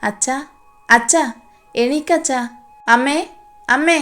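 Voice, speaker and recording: A woman's voice: high voice, takes it slowly, a bit bright, faint music behind. A woman voicing a frightened, tearful young woman who speaks in a pleading, upset way.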